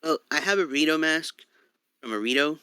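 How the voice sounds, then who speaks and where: A man's voice: on the high side, expressive, a little fast, sharp tone, slight background noise. A man playing a tabletop game, describing his character's actions in a dry, matter-of-fact way. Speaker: player. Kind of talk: casual tabletop game talk.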